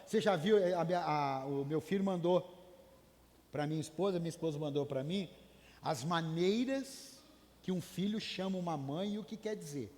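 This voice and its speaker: A man preaching a sermon in a Brazilian Portuguese accent, swinging between loud calls and hushed asides and urging the congregation to answer back. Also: a little high, normal speed. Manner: urges the congregation to respond aloud. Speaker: pastor. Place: church hall. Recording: long church hall reverb.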